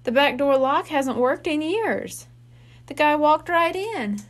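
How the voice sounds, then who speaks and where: A woman's voice: sits high, expressive, slow, pitched above the performer's own voice. A woman reading aloud as a friendly, worried older boy who is minding his younger siblings.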